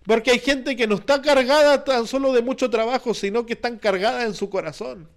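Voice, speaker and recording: High-voiced Chilean man preaching. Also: fairly quick. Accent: Chilean Spanish. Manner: earnest, repetitive preaching with rhetorical questions. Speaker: pastor. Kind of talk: sermon.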